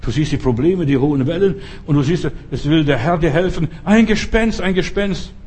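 A man's voice: fairly high pitch, brisk, dark tone, breathy edge. A male pastor preaching a sermon in an emphatic way, often asking the listener directly.

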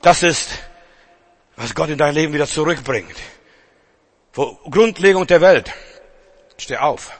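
A middle-aged male preacher delivering a sermon, emphatic and repetitive, swinging between loud proclamations and quiet, intense passages. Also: fairly high pitch, lively intonation, unhurried, long pauses.

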